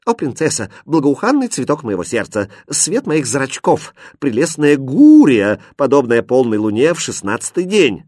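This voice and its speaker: A man voicing a pompous young prince in a storybook reading, gushing with sing-song flattery. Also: medium pitch, moderate pace, hardly any pauses, no room sound, studio quality, pitched above the performer's own voice.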